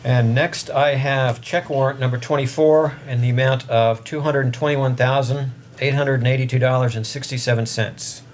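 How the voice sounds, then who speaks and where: A man speaks up to carry across a meeting room as he chairs formal board business. His delivery is even and flat in pitch, at a medium register, with some room noise behind him. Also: moderate pace, few pauses. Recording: noisy meeting room audio with ambience.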